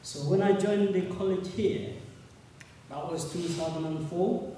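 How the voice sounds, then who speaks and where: Man, 30s, earnest halting testimony, slightly high mellow voice, distant mic in an echoey hall. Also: fairly even intonation, a little hiss or hum. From Uganda. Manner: earnest, halting, repeats words. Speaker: speaker at a public meeting. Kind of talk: personal testimony.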